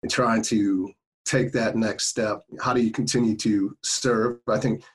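Male podcast host, husky and low, laid-back, full of fillers. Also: steady tone, a little slow. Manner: friendly, many fillers like "you know" and "like". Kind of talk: casual interview chat.

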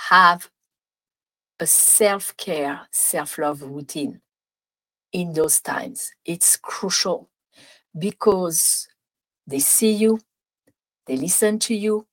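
A woman with a French accent hosting an advice podcast, talking gently with restarts, then guiding a slow breathing exercise. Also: lowish voice, poor audio. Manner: gentle, warm, meandering with restarts. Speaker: podcast host. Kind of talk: casual advice podcast with guided visualization.

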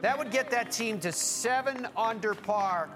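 A man working as a golf commentator, hosting highlights in punchy, presenter-like short phrases. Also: a little slow, over music.

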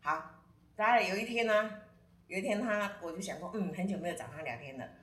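Taiwanese woman telling lively stories in a roomy echo. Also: medium pitch, brisk. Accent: Taiwanese Mandarin. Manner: lively storyteller who mixes in Taiwanese Hokkien words. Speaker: guest telling stories about friends and astrology. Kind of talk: casual podcast storytelling.

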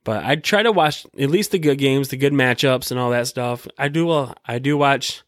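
A man's voice: medium pitch, moderate pace, no echo, studio quality. An American man hosting a solo podcast with casual, rambling sports commentary, repeating himself and swearing freely in slangy talk. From Michigan, United States. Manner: rambling and repetitive. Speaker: podcast host.

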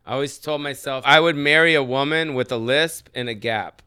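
A man hosts a rowdy talk show, teasing his guests and swearing without a second thought. His voice is bright and forceful, smooth in tone, and sits dry and close to the mic. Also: medium pitch, brisk, no room sound. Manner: brash, teasing, swears freely. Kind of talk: loose joking talk show chat. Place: studio van with guests.

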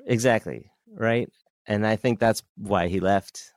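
A man's voice: lowish voice, measured pace, dry recording, studio quality. A man from the San Francisco Bay Area, a musician guest on a sports podcast, chatting in an easygoing way full of "you know". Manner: easygoing, filler-heavy, "you know" throughout. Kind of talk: casual sports chat.

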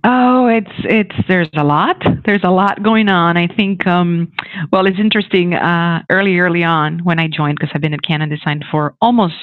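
Lively man from the Dominican Republic on a phone-like line. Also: high voice, moderate pace, no room sound. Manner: animated, many restarts and fillers. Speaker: guest, technology executive. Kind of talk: conversational interview.

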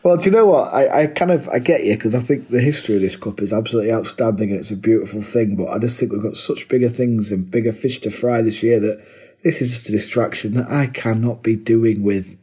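A blunt man co-hosts a football podcast, teasing and arguing in casual banter. His voice is mellow and a little husky. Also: on the low side, fast talker. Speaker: podcast co-host. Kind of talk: casual sports chat.

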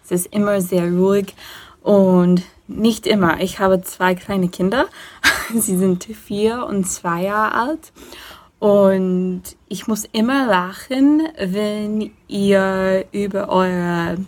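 A woman's voice: medium pitch, fairly even intonation. A young American woman from Indiana, a native English speaker, leaving a voice message in careful learner's German. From USA, Indiana. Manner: careful learner's German, slow, laughing softly. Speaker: listener sending a voice message. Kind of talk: recorded voice message.

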